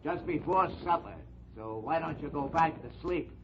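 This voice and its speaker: An actor playing a dim, gruffly stubborn male asylum orderly in a 1940s radio drama, with folksy, defensive talk. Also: a little high, expressive, normal speed. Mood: touchy, stubborn. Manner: folksy, plodding, ungrammatical, defensive. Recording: noisy, muffled 1940s radio recording.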